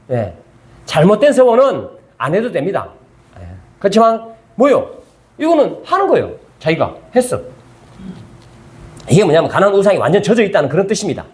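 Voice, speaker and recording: An older man, a pastor with a Gyeongsang accent, teaching a Bible study sermon at church and constantly checking in with his listeners through rhetorical questions. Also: sits high. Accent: Gyeongsang Korean. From Gyeongsang region, South Korea. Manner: keeps prodding listeners with rhetorical check-ins.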